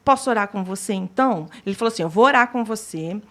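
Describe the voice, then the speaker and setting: A woman's voice: medium pitch, lively intonation, quick pace, a bit bright. A woman telling her personal testimony as an interview guest, acting out the dialogue she recalls. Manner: retells scenes by acting out quoted dialogue.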